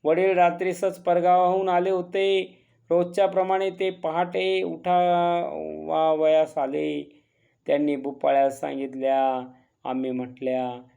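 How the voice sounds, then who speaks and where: A man reading a classic story aloud in a measured, earnest way. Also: a little high, level tone, gravelly, warm tone, clean tone, lo-fi sound.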